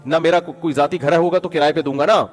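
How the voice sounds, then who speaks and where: A man's voice: fairly high pitch, steady tone, faint music behind. A man giving moral advice through stories, in a conversational way, often calling his listeners brother. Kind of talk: storytelling advice talk.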